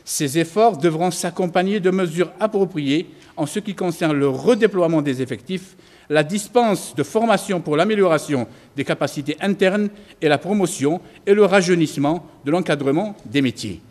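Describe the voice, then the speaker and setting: A man's voice: a little high, a little mellow. A man in his forties reading a formal prepared speech at a lectern with a cluster of press microphones, speaking as a ministry official in a large hotel banquet hall. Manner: reads from notes in a measured official cadence.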